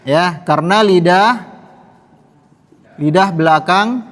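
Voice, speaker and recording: A high-pitched man teaches Quran recitation at an unhurried, deliberate pace. He patiently repeats each sound for his students to echo. His voice rings with the long reverb of a large hall. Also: fairly bright tone. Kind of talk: classroom tajwid lesson.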